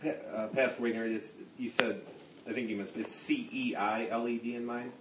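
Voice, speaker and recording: A man's voice: medium pitch, steady tone, normal speed, a bit bright, a little hiss or hum, low-quality recording. A man in the congregation politely questioning the pastor about a verse's spelling. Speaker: congregation member. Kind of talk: question from the pews.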